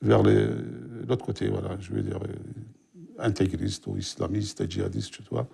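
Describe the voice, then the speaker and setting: A middle-aged or older man, not a native speaker, answering as an interviewee in halting, broken, repetitive phrases. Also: sits low, steady tone, dark tone. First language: not French. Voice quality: gravelly, husky. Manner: halting, broken grammar, repeating himself. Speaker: interviewee, a father.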